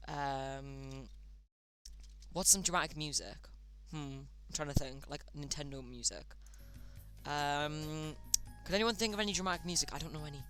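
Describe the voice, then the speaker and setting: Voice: medium pitch, normal speed, fairly bright tone, smooth, soft background music. A streamer casually hosting a chat game live, chatty and often tripping over words.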